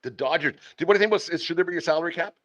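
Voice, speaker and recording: This is the racing, somewhat high voice of an older man hosting a baseball team podcast. He rambles folksily through casual sports interviews and chatter, captured in dull, band-limited sound.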